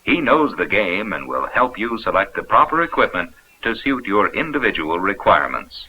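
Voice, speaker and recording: This 1970s instructional film features an American man reading scripted narration in a sing-song, fairly low voice at normal speed. He sounds folksy, upbeat, and eager to explain. The old 16mm soundtrack is muffled and noisy.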